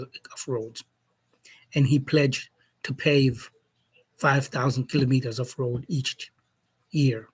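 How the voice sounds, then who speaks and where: A Jamaican man acts as a commentator in an opinion monologue, speaking slowly and deliberately while posing challenging questions. His voice sits at medium pitch with a breathy edge, and the audio quality is poor.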